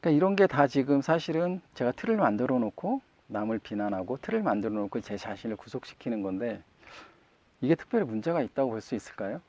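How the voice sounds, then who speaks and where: A man's voice: medium pitch, lively intonation, quick pace, darkish tone. A man, a Won Buddhist minister, giving a conversational sermon and asking his listeners questions. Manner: conversational, asks the congregation questions. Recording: muffled dry recording.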